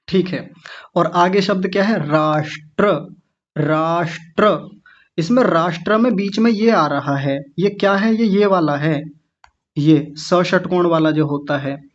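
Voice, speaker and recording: A man's voice: sits high, lo-fi sound. A man teaching an online class, patiently sounding out words syllable by syllable for his students. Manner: patient, slow syllable-by-syllable demonstration. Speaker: Sanskrit recitation teacher.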